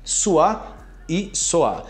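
Young Brazilian man, Brazilian Portuguese accent, upper-register voice, casual language teacher who drills pronunciation slowly and checks in often. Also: on the high side, very animated. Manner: slow, drawn-out model words for pronunciation drills; frequent checking tags like "ok?" and "né?". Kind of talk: casual online language lesson.

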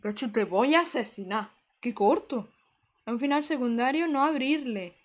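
Excitable high-voiced woman gamer. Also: moderate pace. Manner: excitable, reacts loudly and jokes. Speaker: gaming streamer. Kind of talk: casual gameplay commentary.

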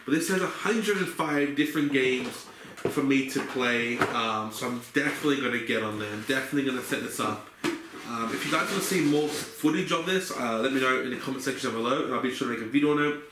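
A man's voice: medium pitch, fast talker. Young aussie guy chatting about his gifts, lots of uhs, roomy echo and a bit of hiss. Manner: relaxed, rambling, many fillers. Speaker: vlogger. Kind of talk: casual haul video. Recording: echoey room with faint noise.

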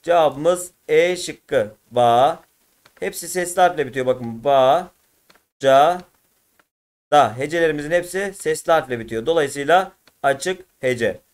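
A man teaching an exam walkthrough lesson, addressing students as friends and drawing words out syllable by syllable. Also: fairly high pitch. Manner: slow, drawn-out syllable by syllable explanation.

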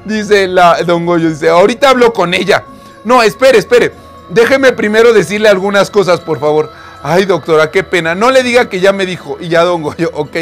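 A man's voice: high-pitched, animated, normal speed, faint music behind. A man reading out chat messages and reacting with laughs, gasps and mock outrage. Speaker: host reading chat screenshots. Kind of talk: animated casual storytelling.

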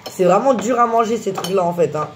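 A woman's voice: medium pitch, a little fast. A young woman chatting casually to camera as host of a food challenge, exclaiming and complaining with her mouth burning from spicy food. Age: young adult. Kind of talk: casual chat to camera in a chilli candy challenge. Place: small kitchen, indoors. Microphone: phone on the table. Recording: echoey kitchen, noisy phone recording.

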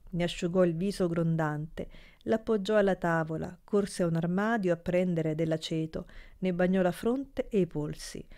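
A woman narrating an audiobook of a classic novel in a measured, expressive way. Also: fairly low pitch.

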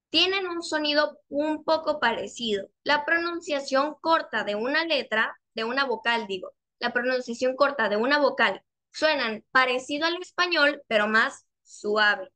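A young woman teaching a class over a video call, with a high and bright voice. She is patient and repeats her questions. She stretches each example word out slowly so that the learners can hear it. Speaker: English teacher. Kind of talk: online class instruction.

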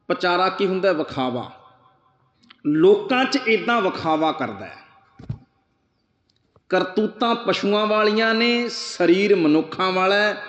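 Slow-paced man preaching in an echoey hall. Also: high-pitched. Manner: slow, chants verses then explains them plainly. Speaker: Sikh preacher. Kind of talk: scripture exposition sermon. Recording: echoey hall, dull lo-fi sound.

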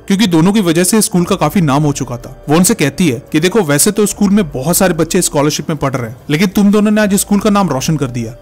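A man tells a film's story as a fast scripted recap, words tumbling out quickly. His voice sits a little high for a man. Soft music plays under him. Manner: brisk, even storytelling pace. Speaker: movie recap narrator. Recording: narration over background music.

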